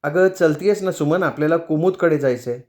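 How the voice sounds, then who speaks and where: A man's voice: fairly high pitch, fairly quick, a little mellow, natural voice. A man reading the lines of a chatty, teasing middle-aged woman friend in a storybook.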